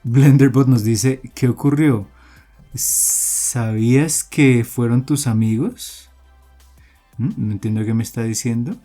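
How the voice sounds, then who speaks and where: Tutorial host: man, relaxed mellow tone, explains coding steps patiently with fillers, soft music under. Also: medium pitch, slow. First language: Spanish. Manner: explanatory, steady, with frequent fillers and restarts. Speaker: programming tutor. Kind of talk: screen-recorded coding tutorial.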